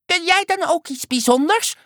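An eager show-off little creature. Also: female voice, extremely high pitch, animated, moderate pace, a bit bright, no room sound, clean studio sound, pitched above the performer's own voice. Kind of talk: storybook character voice.

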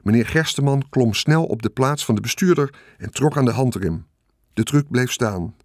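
A man reads a children's story aloud, steady and clear, at a mid pitch. The recording is close and dry with no room sound. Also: normal speed, dry recording. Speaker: audiobook narrator. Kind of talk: scripted narration.

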